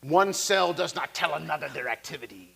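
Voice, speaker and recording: A man's voice: on the high side, expressive, brisk, creaky, pushed and bright, breathy edge, exaggerated voice, low-quality recording. A man voicing an arrogant, scheming male halfling informant who talks down to others in a tabletop game. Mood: haughty. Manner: haughty, dismissive, condescending.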